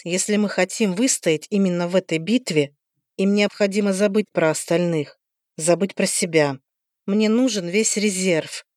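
A woman narrating a first-person fantasy audiobook in an even, expressive storytelling manner on a close mic. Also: fairly low pitch, no echo.

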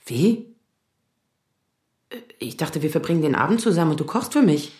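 A woman voicing a weary lawyer in her thirties who tries to stay calm with her mother, read as an audiobook. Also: low voice, moderate pace, echoey room. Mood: hurt. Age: 30s. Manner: exasperated, trying to stay calm. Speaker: asylum lawyer. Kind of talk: audiobook reading.

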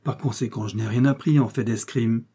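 A man's voice: medium pitch, fairly even intonation, brisk, mellow, breathy edge, lightly acted. A man reading the part of a naive, flustered middle-aged sugar maker in an audiobook, pleading and protesting anxiously. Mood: panicked.

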